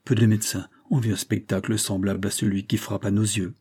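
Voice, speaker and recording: A man reading a detective story aloud as scripted narration, in a measured, even way. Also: fairly low pitch, breathy edge. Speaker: audiobook narrator.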